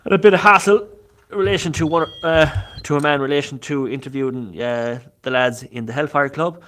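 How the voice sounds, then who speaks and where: A man's voice: medium pitch, a little fast, a bit bright. Chatty man with a west of Ireland accent. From Galway, west of Ireland. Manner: chatty, rambling, repeats himself. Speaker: live-streaming paranormal investigator showing historic sites. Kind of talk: casual live vlog chat.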